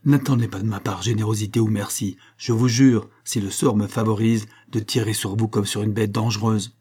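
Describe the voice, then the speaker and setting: A man's voice: lowish voice, steady tone, moderate pace, mellow, husky. A man reading aloud as a proud, wronged man who answers with defiant scorn.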